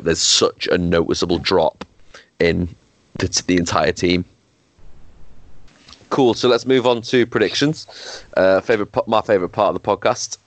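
A man hosting a casual sports podcast, leading the segment with frequent restarts. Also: sits low. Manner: leads the segment, many restarts. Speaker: podcast host.

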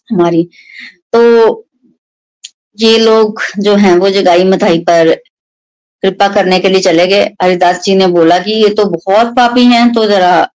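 A woman's voice: mid-range voice, darkish tone, no room sound, poor audio. A young woman giving a devotional storytelling talk at a satsang, acting out the quoted lines and mixing in English words. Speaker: satsang speaker.

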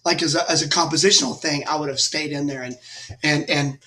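A high-pitched middle-aged man from Texas, guest on a casual interview. He tells stories with energy, acting out the lines of other people. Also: fairly quick. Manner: animated anecdotes with lively acted-out quotes. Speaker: guest musician.

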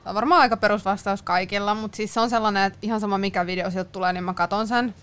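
A woman in her twenties from northern Finland joins a relaxed conversation as a guest. She talks in a chatty, loose way full of fillers. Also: medium pitch, smooth. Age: 20s. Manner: chatty, filler-heavy casual speech. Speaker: guest, content creator. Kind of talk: casual chat.

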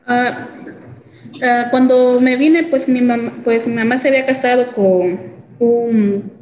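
A young woman from El Salvador, telling her own story as an interview guest in a halting way, with many fillers and restarts. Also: fairly high pitch, steady tone, darkish tone, echoey room, low-quality recording. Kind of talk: hesitant personal testimony.

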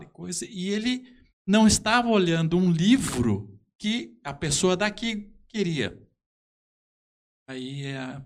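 A man with a southern Brazilian accent, a musician guest in a conversational interview, telling anecdotes in a halting, emphatic way. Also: a little high.

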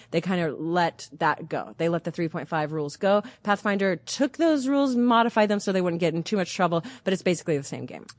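A woman's voice: on the low side, darkish tone, no room sound. A woman guest in a casual chat who laughs often and sounds bubbly.

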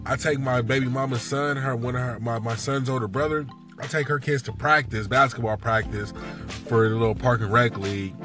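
A man's voice: mid-range voice, fairly even intonation, brisk, music in the background. A man in his thirties co-hosting a casual chat show, talkative and cursing, often saying "you know what I'm saying". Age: 30s. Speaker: podcast co-host.

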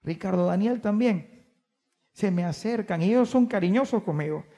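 A man preaching a sermon to his congregation, stressing key words by drawing them out slowly and putting questions to his listeners. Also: high-pitched, animated, warm tone, in a large hall. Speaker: pastor. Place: church.

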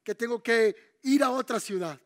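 An old male prophet speaks gently but insistently to his disciple, as a preacher acts him out in a sermon. The voice sits very high for a man. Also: moderate pace. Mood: pleading.

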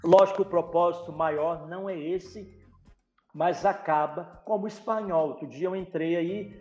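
A man's voice: high voice, a little slow, a little mellow, soft background music. A man with a Brazilian accent talking informally and explaining his plans as a guest on a podcast. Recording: roomy, echoing sound.

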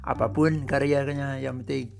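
A man's voice: mid-range voice, fairly even intonation, normal speed, vocal fry, darkish tone. A man hosting his own podcast, talking in an easygoing, rambling, conversational way. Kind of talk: casual solo podcast monologue.

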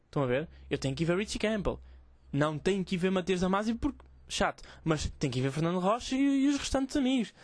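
A man's voice: sits high, expressive, fast talker, no room sound. Chatty young man. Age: 20s. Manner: rambling, profane, self-mocking storytelling. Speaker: podcast host. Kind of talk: casual comic monologue.

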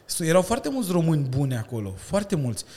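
A man in his thirties, a breakdancer and stuntman, chatting as a podcast guest and telling lively stories with slang and laughter. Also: on the high side. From Romania. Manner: animated storytelling with slang and laughter. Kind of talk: casual chat.

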